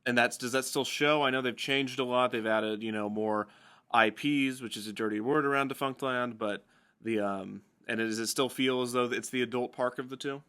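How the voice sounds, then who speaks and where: A man's voice: medium pitch, fairly even intonation, moderate pace, pushed and bright, clean tone. A man hosting a podcast, asking his guest loose, curious questions. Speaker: podcast host. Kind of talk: casual podcast interview.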